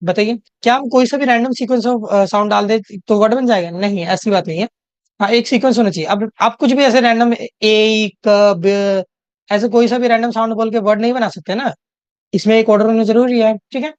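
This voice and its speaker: A woman's voice: fairly high pitch, steady tone, a little mellow, no echo. Young indian english woman tutor, patient step by step lecture, keeps checking in, dull dry audio. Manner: explains step by step, repeats "theek hai?" to check in; reads English questions slowly. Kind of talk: exam-prep lecture in Hinglish. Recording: dry, slightly dull home recording.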